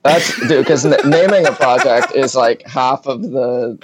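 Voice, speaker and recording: A man in his thirties co-hosting a casual podcast, easygoing and quick to laugh and agree. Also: medium pitch, background noise. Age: 30s. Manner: laid-back, laughing, agreeable.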